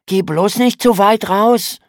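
A woman's voice: mid-range voice, lively intonation, slow pace, dry recording, clean studio sound, voice pushed up. A woman voicing a cautious boy who warns his sister, in a raised, urgent voice. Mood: worried. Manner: worried, warning. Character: boy, cautious older brother.

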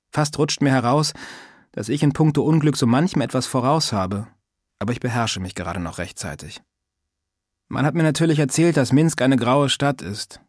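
A man's voice: no echo, clean studio sound. Weary, sardonic young man narrating. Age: young adult. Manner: weary, sardonic, low-key. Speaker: first-person narrator. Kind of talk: audiobook narration.

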